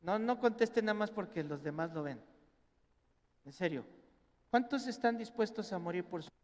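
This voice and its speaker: Mexican pastor guy preaching, high voice, animated, does the family voices, big echoey church hall. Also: moderate pace. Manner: animated, acts out family members in quoted voices. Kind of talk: sermon. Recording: long reverb in a church hall.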